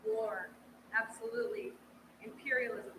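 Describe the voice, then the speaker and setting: Echoey hall, long reverb, woman, higher voice, informal class lecture, casual hedging teacher. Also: steady tone, normal speed, background noise. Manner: casual, hedging, often says like. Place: large echoey room.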